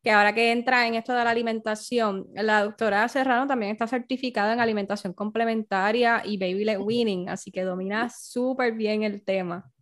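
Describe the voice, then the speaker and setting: A woman's voice: fairly high pitch, fairly even intonation, fairly quick, few pauses. A woman podcast host, emphatic and conversational, leaning on frequent filler words as she guides the interview.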